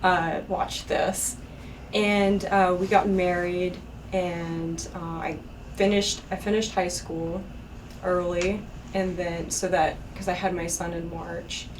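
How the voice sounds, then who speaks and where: Fields: Sex: woman. Pitch: lowish. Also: little pitch movement, takes it slowly, far from the mic, slight background noise, rough recording. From East Texas. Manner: earnest, chatty, with fillers. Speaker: instructor. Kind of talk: conversation host sharing a story. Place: bright indoor studio set.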